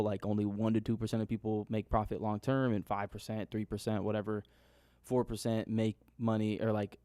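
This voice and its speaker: A man's voice: lowish voice, a little mellow, no room sound, clean studio sound. A young man talking unscripted into his own microphone, rambling and questioning himself, often restarting his sentences. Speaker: trading vlogger. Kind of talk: unscripted casual monologue.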